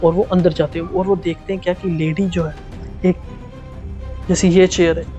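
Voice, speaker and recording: Man telling a spooky tale, a bit high. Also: level tone, moderate pace, warm tone, muffled recording, faint music behind. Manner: conversational, dramatic retelling with many repetitions. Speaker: vlogger. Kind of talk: casual spooky storytelling.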